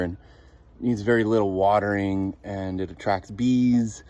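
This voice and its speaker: A man hosting a casual garden tour vlog outdoors, slightly out of breath and rambling with many pauses. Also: lowish voice, a little mellow, slight background noise. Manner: rambling, with many ums and uhs.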